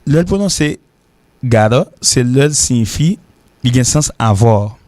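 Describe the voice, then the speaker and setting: A man's voice: medium pitch, animated, darkish tone, no room sound. Man teaching English drills. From Haiti. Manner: repeats words slowly for drills, mixes languages. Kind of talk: radio English lesson.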